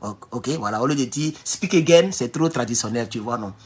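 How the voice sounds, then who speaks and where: A man's voice: medium pitch, a little fast, slightly rough. A man from Burkina Faso with a West African French accent, giving casual, emphatic political commentary to his viewers and often stumbling over restarts. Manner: animated, emphatic, with repeated restarts and addresses to "chers camarades".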